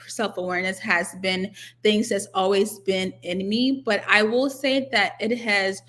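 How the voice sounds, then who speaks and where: A woman's voice: medium pitch, fairly even intonation, unhurried, a bit bright. Thoughtful young woman guest. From Nigeria, raised in the US. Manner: thoughtful, many fillers and restarts. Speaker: guest, doctoral student. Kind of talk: casual interview answers.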